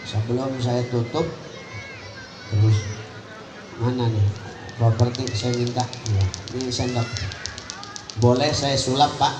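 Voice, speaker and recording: A man preaching a comic sermon at an outdoor religious gathering, animated and joking, climbing to high emphatic cries. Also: measured pace, long pauses, music in the background. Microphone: phone recording from the crowd. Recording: echoey, distant phone recording, noisy.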